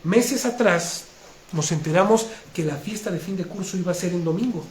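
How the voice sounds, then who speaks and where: Earnest high-voiced preacher, echoey hall. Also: male voice, normal speed, a little mellow. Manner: earnest, heartfelt storytelling with frequent restarts. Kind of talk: personal testimony in a sermon. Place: congregation hall. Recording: echoey room with faint noise.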